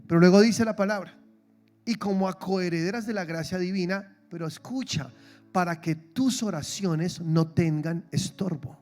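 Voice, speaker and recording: Sermón de un hombre con acento colombiano, voz alta y aguda, tono vivo y cómico, con música tenue detrás. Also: male voice, high voice, normal speed, faint music behind. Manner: lively, humorous, acts out quoted voices. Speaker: pastor. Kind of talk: sermon. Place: church.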